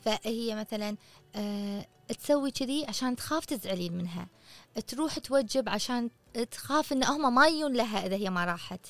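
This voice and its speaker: A woman's voice: fairly high pitch, animated, a little fast, a bit bright, dry recording. A woman hosting a podcast, giving earnest, coaching advice in a casual way and putting questions to her listeners. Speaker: podcast host.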